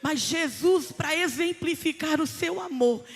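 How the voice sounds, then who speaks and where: Fervent high-voiced woman preacher. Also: measured pace. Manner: fervent, swells between hushed and shouting. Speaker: church preacher. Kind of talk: Pentecostal sermon. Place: church. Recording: long church reverb, music behind.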